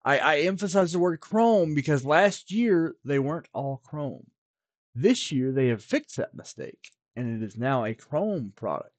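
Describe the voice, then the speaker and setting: In a dry recording, a man with a mid-range voice co-hosts a podcast, talking casually about collectibles as a card expert. He rambles, often restarting sentences and leaning on fillers.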